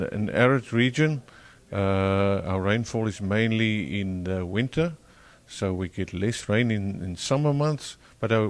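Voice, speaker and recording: A man with a broad South African accent answering interview questions as a farmer, often halting and correcting himself. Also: fairly low pitch.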